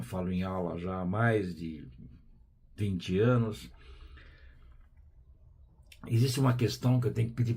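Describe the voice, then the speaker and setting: A man with a Brazilian Portuguese accent hosting a spiritual program, talking in a relaxed, conversational way with frequent tag questions and quiet asides. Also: on the low side, breathy edge. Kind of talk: casual spiritual talk.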